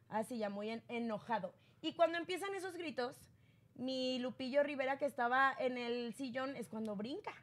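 A woman hosting a casual gossip commentary, chatty and acting out quotes. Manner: chatty, acts out quotes with raised pitch. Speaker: gossip show host.

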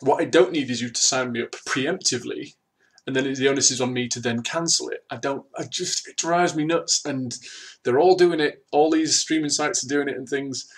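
A man in middle age rants on his vlog about a pet peeve, sarcastic and exasperated. His voice has a husky, slightly rough edge at a middling pitch, and he slips into little mock voices for the people he imitates. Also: normal speed. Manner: exasperated, sarcastic, acts out both sides in quoted voices. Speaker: vlog host. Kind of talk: ranting monologue.

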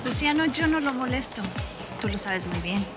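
A woman's voice: high-pitched, animated, moderate pace, loud music behind the voice. An actress playing a young tycoon's girlfriend who speaks in a coy, teasing way in a telenovela. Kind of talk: telenovela acting.

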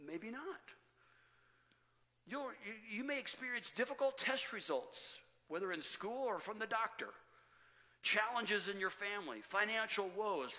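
A pastor with a high, sharp voice preaches a sermon emphatically to his congregation, often calling them loved ones. His delivery rises and falls with pauses, and the church sanctuary adds hall reverb to the recording.

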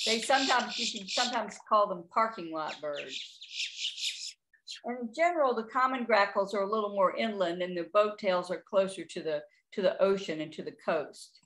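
A woman's voice: medium pitch, moderate pace, fairly bright tone. A middle-aged woman, giving a chatty, informal talk on identifying birds, with frequent restarts. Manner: chatty, with frequent restarts and playful bird imitations. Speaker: birding presenter.

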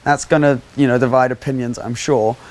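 A man in his 20s with a mid-range, slightly mellow voice and fairly even intonation talks briskly through an upbeat house tour vlog. He walks indoors and outdoors around a small rented house and garden, speaking into a little clip-on mic on his shirt.

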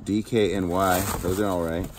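A low voice with little pitch movement, at normal speed, belongs to a storage auction vlogger casually unboxing shoes for viewers outside beside a cardboard box. The first-person handheld footage carries loud outdoor background noise.

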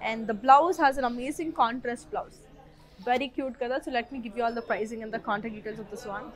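Very fast, high-voiced South Indian woman presenter. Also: steady tone. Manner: enthusiastic, gushing. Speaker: saree showroom presenter. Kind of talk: live sales presentation, switching between languages. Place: saree showroom, indoors.

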